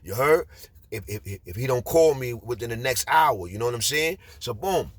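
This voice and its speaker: Man, bronx accent, mid pitch, rambling street storytelling, slang, fillers. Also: lively intonation, moderate pace, no room sound. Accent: New York Bronx. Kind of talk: casual storytelling.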